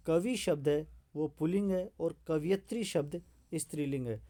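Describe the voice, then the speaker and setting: A man teaching a spelling lesson, slowly saying each word and repeating it. His voice sits a little high, with a soft, mellow tone. He speaks to students in a steady, patient teaching manner. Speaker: Hindi teacher.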